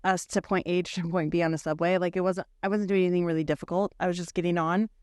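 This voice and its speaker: Smooth-voiced woman telling lively stories. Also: lowish voice, fast, no echo, clean studio sound. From United States. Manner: animated storyteller, acts out other people's voices. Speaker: podcast co-host. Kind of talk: casual chat.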